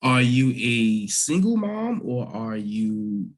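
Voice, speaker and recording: A man's voice: medium pitch, big pitch swings, takes it slowly, poor audio. A young man hosting a casual debate chat, laid-back and questioning, laughing easily. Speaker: podcast host.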